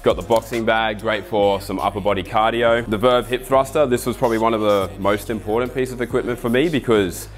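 A man in his thirties with an Australian accent, giving a relaxed, enthusiastic walkthrough of his garage home gym. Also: lowish voice, brisk, hardly any pauses, soft background music. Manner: relaxed, enthusiastic, explains with asides. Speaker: fitness ambassador giving a gym tour. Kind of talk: casual walkthrough to camera. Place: home garage gym with roller door, indoors.

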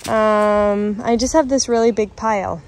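Holding her phone camera, a thirtysomething American parent vlogger chats casually in a mid-range voice, keeping a steady tone and a measured pace. The background is clearly noisy as she goes from indoors at home to outdoors in the yard and driveway.

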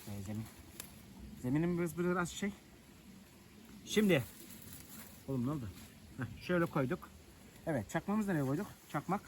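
A man's voice: a little high, lively intonation, moderate pace, pauses often, a little hiss or hum. A man vlogging outdoors in the countryside, chatting and joking with viewers while he lights a fire. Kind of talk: casual chat to camera. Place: outdoors in rural nature.

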